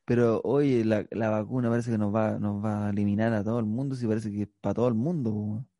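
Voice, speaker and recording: Mellow-voiced Chilean man, dry sound. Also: lowish voice, fairly even intonation, no echo. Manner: profane, mocking, quick comebacks. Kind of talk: crude comic banter.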